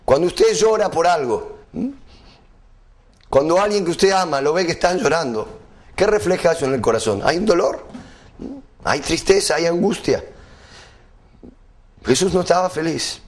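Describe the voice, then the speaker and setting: Middle-aged male preacher, emphatic sermon delivery, slows down for scripture, slightly high pitch. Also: animated. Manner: emphatic, rhetorical questions to the congregation; quotes scripture at a slower, lower pitch.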